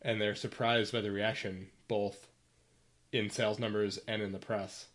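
Opinionated man with a lowish voice. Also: level tone, normal speed, a bit bright. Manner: opinionated, argues his points firmly. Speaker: podcast co-host. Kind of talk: casual chat.

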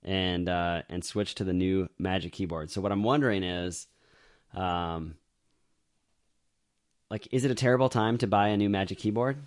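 A man's voice: sits low, normal speed, long pauses, no room sound, studio quality. A man co-hosting a podcast in casual chat, rambling with lots of fillers and easy laughs. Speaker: podcast co-host.

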